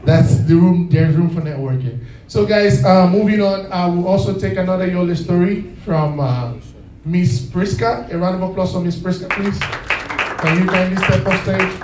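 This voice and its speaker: A man hosting a live event, lively and encouraging, calling for applause. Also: sits high, moderate pace, a little hiss or hum. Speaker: event host. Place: event hall. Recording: roomy sound from a distant mic.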